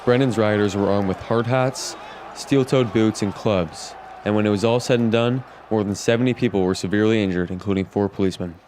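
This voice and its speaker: A man playing an earnest, brisk TV news anchor reading a scripted report. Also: on the low side, darkish tone, a little hiss or hum, lightly acted.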